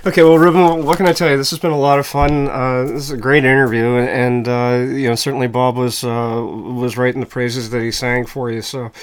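A male podcast host with a clean, resonant voice at a middle pitch. He speaks in a friendly, casual way, and he's at ease handling thanks and sign-offs. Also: level tone, fairly quick, few pauses, smooth. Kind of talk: casual interview hosting.

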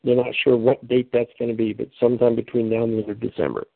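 A man's voice: mid-range voice, flat delivery, fast, vocal fry, dry recording. A man hosting a conference call over the phone. He answers questions in a folksy, patient way, with fillers. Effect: heard over a phone line. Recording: tinny phone line, dry.

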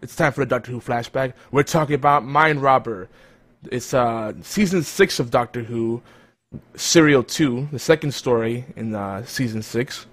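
A man's voice: mid-range voice, normal speed, a bit bright. A man hosting a casual podcast segment, rambling with fillers and self-corrections. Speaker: podcast host. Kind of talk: casual chat.

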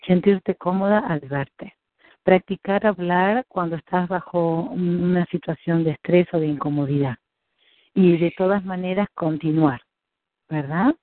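A woman's voice: lowish voice, measured pace, dry recording. A woman coaching a client, encouraging and explaining with many restarts. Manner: encouraging, many restarts, acts out her own thoughts. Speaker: business coach. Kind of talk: coaching conversation. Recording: tinny phone-like call audio.

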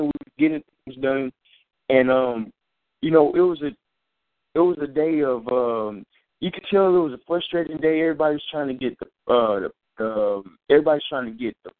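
A man's voice: medium pitch, no echo. A man giving an earnest, informal faith testimony and sermon, repeating and restarting his phrases as he goes. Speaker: preacher sharing a testimony. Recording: dry tinny phone-like sound.

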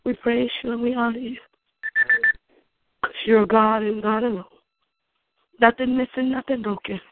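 Over a tinny, dry phone line with heavy background noise, a woman leads a fervent spoken prayer. Her voice is on the high side with little pitch movement, and at a normal speed she declares each line with passion, sprinkling in many "uh" fillers.

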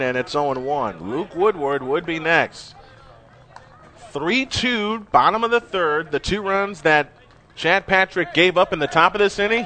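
A man's voice: a little high, bright, forceful tone. A man giving live baseball play-by-play in terse phrases, as the game announcer.

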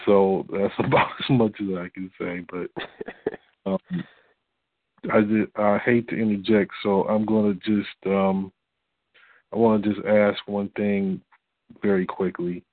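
A man leading a church group's conference call over the phone, talking haltingly with many fillers and restarts. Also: on the low side, flat delivery, no echo. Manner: hesitant, full of fillers and restarts. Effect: heard over a phone line. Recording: tinny dry phone line.

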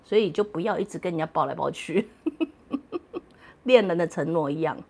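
A chatty woman hosting a relaxed late-night question-and-answer stream from home. She talks playfully, laughs often and slips English words in. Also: low-pitched, normal speed, breathy edge. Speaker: livestream host answering viewer questions. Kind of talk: casual late-night livestream Q&A.

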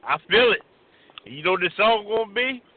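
High-voiced toothless man on a phone line. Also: lively intonation, brisk, no room sound. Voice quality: toothless, mushy articulation; altered speech after a stroke. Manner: repeats phrases emphatically, boisterous. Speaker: radio phone-in caller. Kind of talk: excited casual sports chat. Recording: tinny narrow phone line.

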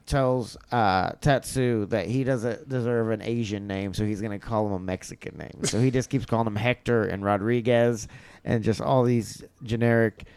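Smooth-voiced man chiming in with jokes. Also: fairly low pitch, fairly even intonation, moderate pace, a little mellow, no echo. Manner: chatty, jumps in with details and jokes. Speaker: podcast co-host. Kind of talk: casual movie recap chat.

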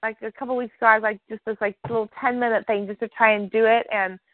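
A woman's voice: a little high, level tone, fast, dry recording. A woman chatting casually on a group call, friendly and affirming. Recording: tinny phone-like call audio.

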